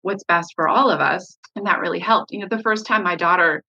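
A woman's voice: lowish voice, a little fast, creaky, bright, forceful tone, husky, highs cut off. A woman, a mother, talking candidly in an interview about her parenting, with many fillers and restarts. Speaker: parent guest sharing her story.

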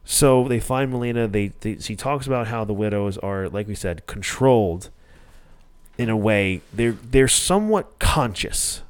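A low-voiced man hosts a casual podcast, recapping a movie scene by scene. He rambles and restarts his sentences often, dropping curse words freely. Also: expressive, measured pace, clear, resonant tone. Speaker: podcast host.

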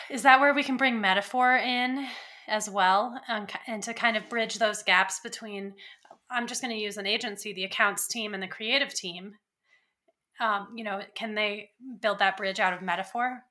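A woman's voice: medium pitch, fairly even intonation, moderate pace, sharp tone. A woman hosting a podcast interview, asking enthusiastic questions with many fillers. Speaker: podcast host.

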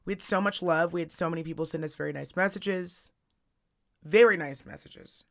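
A woman co-hosting a casual podcast, her voice hoarse, raspy and strained as if nearly gone, talking bluntly with plenty of slang. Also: lowish voice, brisk. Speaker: podcast co-host. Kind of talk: casual chat. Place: studio.

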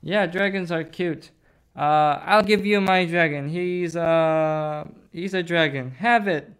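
A performer voicing a friendly young male dragon rider, speaking haltingly with many fillers. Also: mid-range voice, smooth.

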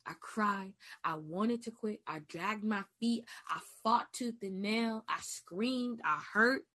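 Bright-voiced young woman preaching to herself. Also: medium pitch, takes it slowly. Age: 20s. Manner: preacher-like, emphatic, with call-and-response asides; moves between loud declarations and soft, hushed affirmations. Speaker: podcast host. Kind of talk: reflective personal monologue.

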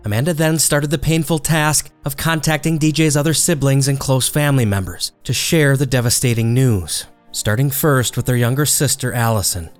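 Man narrating true crime over soft music. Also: mid-range voice, normal speed, hardly any pauses. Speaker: podcast host.

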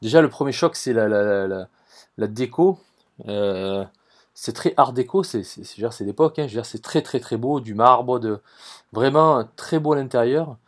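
A podcast host from southern France, speaking with a Marseille accent, tells travel stories with enthusiasm and talks directly to his listeners. He repeats words and restarts sentences, his mid-range male voice moving at normal speed.

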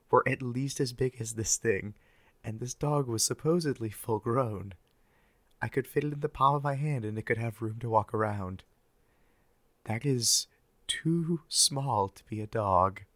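An older man hosting an ASMR podcast, speaking softly and whispering close into the ear in a wry, deadpan ramble. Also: medium pitch, dry recording. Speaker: podcast host. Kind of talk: soft ASMR podcast monologue.

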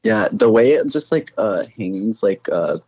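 A man's voice: lowish voice, big pitch swings, a little slow, mellow, a little hiss or hum, poor audio. A man talking as a podcast guest in a casual chat, often filling his speech with "like" and "um". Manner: fills talk with "like" and "um". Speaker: guest plant collector.

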